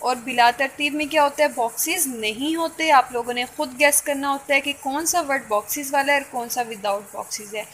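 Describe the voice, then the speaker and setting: A woman Tajweed teacher, patiently teaching an online lesson and drawing out each letter slowly. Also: high voice, a bit bright, slight background noise, rough recording. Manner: slow drawn-out recitation of letters; patient, repeats "theek hai" often.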